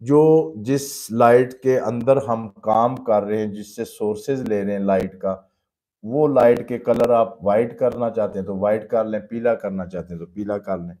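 Male painting teacher, warm low tone, patient and fatherly, breaks each step down in plain terms. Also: normal speed. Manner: addresses students fatherly as "beta". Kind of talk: live painting demonstration lesson.

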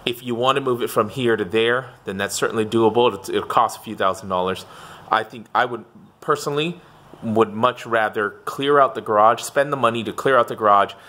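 A man's voice: lowish voice, fairly quick, pushed and bright. A man filming a walkthrough of a home garage on a handheld phone, advising on moving the laundry in an informal, thinking-aloud way. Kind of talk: casual walkthrough explanation. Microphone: handheld phone camera.

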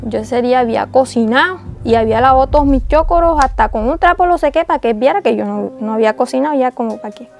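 High-voiced young woman recounting. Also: expressive, fast talker, vocal fry, hardly any pauses, darkish tone, faint music behind. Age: young adult. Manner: recounts dialogue, acting out voices of others. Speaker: interviewee telling her life story. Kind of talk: emotional personal testimony.

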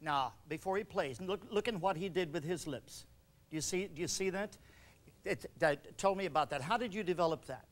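A man leading a choral workshop, coaching singers with quick commands and questions. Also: high-pitched. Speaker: choral conductor teaching a workshop. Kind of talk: instructional workshop talk.

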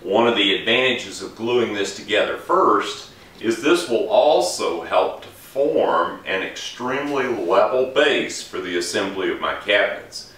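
A relaxed middle-aged woodworking instructor explains his steps while working in a large indoor shop, keeping it casual. His voice is on the low side at a measured pace, and the distant camera mic gives an echoey sound with a little hiss or hum.

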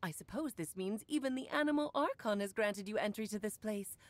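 A woman's voice: mid-range voice, lively intonation, fairly quick, no echo, close to an everyday voice. A woman playing a playful, worldly witch mother with a coy, theatrical manner in a fantasy game. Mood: playful, grand.

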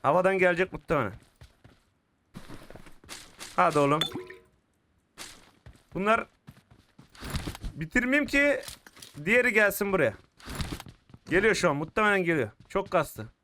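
A young man commentating his mobile shooter game, getting frustrated and shouting at opponents. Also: high voice, measured pace, pauses often, a little hiss or hum. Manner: excitable, frustrated outbursts while playing. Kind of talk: live gameplay commentary. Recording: clear game gunfire behind the voice. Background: shooter game gunfire and clicks.

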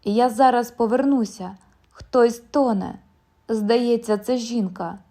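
A woman voicing a stubborn husband eager for one last swim, who later shouts in alarm. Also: mid-range voice, normal speed, close to an everyday voice. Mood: alarmed shouting. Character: man on a beach, stubborn, restless to swim.

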